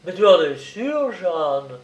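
A man voicing an old cashier who pleads in loud, agitated bursts, in an audiobook. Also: high voice, sing-song, slow, exaggerated voice. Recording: roomy, distant mic.

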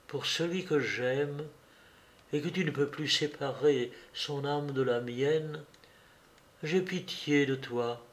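Brief: gentle ghostly young woman, melancholy, soft hushed murmur, slow and quiet; a man reads her. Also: on the high side. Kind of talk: audiobook character voicing.

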